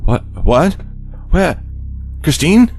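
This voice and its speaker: A man's voice: fairly high pitch, sing-song, very slow, full character voice. A man with a British accent acting a courtly, distracted time traveler in an audio drama, theatrical and inquisitive. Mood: startled, frustrated. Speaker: actor. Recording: loud music bed behind the voice.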